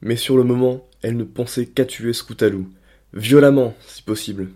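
A man narrating a dark story in a steady, dramatic reading voice. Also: medium pitch, moderate pace.

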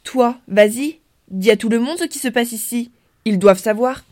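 A man voicing a frightened young female pegasus pony in a dramatic story reading, pleading in a high voice. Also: moderate pace, a little mellow. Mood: tearful.

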